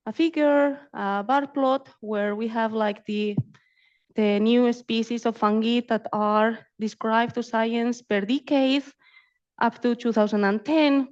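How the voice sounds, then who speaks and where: An invited community ecologist, a woman, presents her research as an academic speaker at a symposium, often repeating words as she talks. Her voice is a little high and a little mellow, and the recording is muffled.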